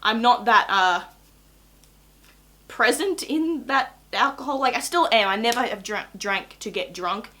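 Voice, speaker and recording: Bright-voiced, gossipy young Australian woman storyteller. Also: on the high side, a little slow. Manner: chatty, gossipy, excitable storytelling with dramatic emphasis. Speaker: YouTube vlogger. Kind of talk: casual storytime to camera.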